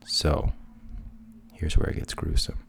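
A man retelling fairy tales in a hushed, half-whispered narration, with wry deadpan asides. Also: takes it slowly, slight background noise. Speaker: storyteller.

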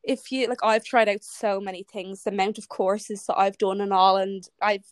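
A woman's voice: medium pitch, level tone, moderate pace, no room sound. Frank young Irish woman, rambling chat. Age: 20s. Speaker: podcast guest. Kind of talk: casual interview chat. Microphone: remote call audio.

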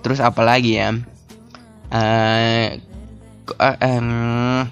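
A young man hosts his own podcast alone, rambling through thoughts in a mid-pitched voice. He cuts himself off mid-word and laughs often, and faint music sits quietly under his talk. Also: level tone, very slow, smooth. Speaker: podcast host. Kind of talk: casual solo podcast chat.

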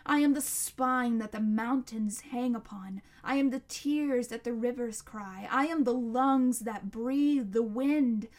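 A woman's voice: medium pitch, a little mellow. A woman voicing an ancient, towering tree monster in a storybook, proud and menacing, speaking in a grand, declamatory way. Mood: roaring, proud. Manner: grand, slow, declamatory, building to a roar.

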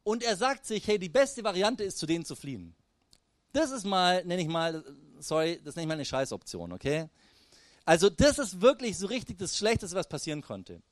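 A man preaching a sermon in a lively, direct way, often turning to the congregation with questions and calls. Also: high voice, moderate pace, dry recording, studio quality. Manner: lively, addresses the audience directly with "hey" and "wisst ihr".

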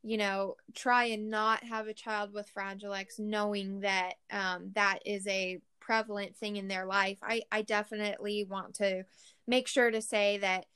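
A woman's voice: medium pitch, flat delivery, a little slow, bright, forceful tone, clean tone. A woman hosting a podcast interview, talking earnestly with many fillers and restarts. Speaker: podcast host. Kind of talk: conversational interview.

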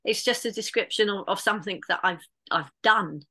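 A woman's voice: medium pitch, fairly quick, bright, forceful tone, slightly rough. A woman in casual conversation, talking in an earnest, reflective way with many restarts. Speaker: podcast guest.

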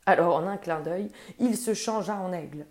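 A woman storyteller reading a children's story aloud in a gentle, expressive way. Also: fairly low pitch, normal speed.

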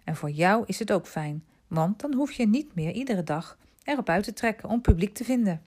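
A woman voicing a kind, gentle noble lady who pities a poor boy, read aloud from a storybook. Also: medium pitch, animated, normal speed, slightly rough, pitched above the performer's own voice. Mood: earnest. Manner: gentle, pitying, warm-hearted.

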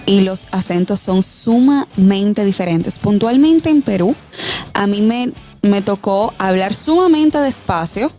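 A woman's voice: mid-range voice, lively intonation, unhurried, warm tone. Woman coach guest on radio, talks polished, bit of music behind. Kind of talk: radio interview.

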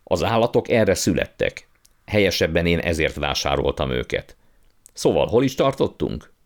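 Guy doing a pompous old uncle magician, impatient, lecturing, lowish. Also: very animated. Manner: blustering, condescending, impatient.

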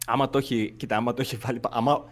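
A man's voice: mid-range voice, steady tone. A man in casual podcast chat, talking carefully and hesitantly, often restarting his words.

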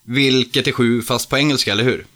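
A male reader voicing Erik, a wide-awake, bossy young man who talks briskly and insistently. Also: mid-range voice, steady tone, pushed and bright, pitched above the performer's own voice, natural voice.

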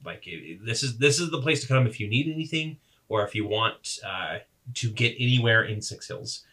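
A man's voice: medium pitch, lively intonation, normal speed, bright, forceful tone. A young man narrating as game master, describing scenes in a rambling way with fillers and self-corrections.

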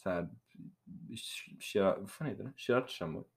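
A man's voice: low-pitched, creaky, slightly rough. A young man, co-hosting a casual podcast chat, playful and sprinkling in English words. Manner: playful, mixes in English words, laughs often. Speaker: podcast co-host.

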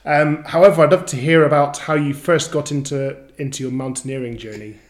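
A man's voice: on the high side, steady tone, a little fast. A man hosting an interview podcast, eager and enthusiastic, often repeating words and using fillers. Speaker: podcast host.

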